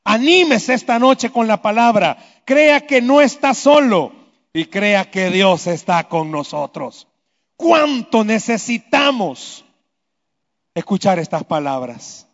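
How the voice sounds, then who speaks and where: A man preaching a sermon, swinging between loud emphatic lines and hushed low ones. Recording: echoey hall, dull lo-fi sound.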